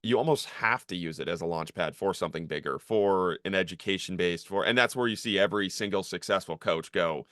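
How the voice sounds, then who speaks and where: A young man hosts a casual podcast in a low voice, rambling with lots of fillers and swearing, and getting animated as he talks. His voice sits dry and close on the mic. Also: brisk, few pauses, dry recording. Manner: rambling, filler-heavy, profane, gets animated. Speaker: podcast host, former college strength coach.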